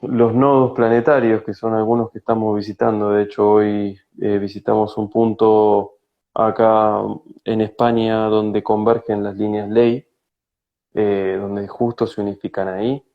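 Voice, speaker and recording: Gravelly, low-voiced Argentine man. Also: little pitch movement, phone-quality sound. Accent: Rioplatense Spanish. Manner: slow, searching, with frequent hesitations. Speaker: spiritual guide, guest. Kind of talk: reflective conversational interview. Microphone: video call.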